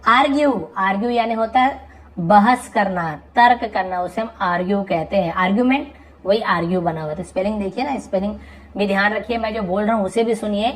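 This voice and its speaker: This is a woman tutoring English vocabulary through Hindi at a brisk clip. Every word gets called out loudly, followed by a patient, softer explanation, all captured on a rough recording.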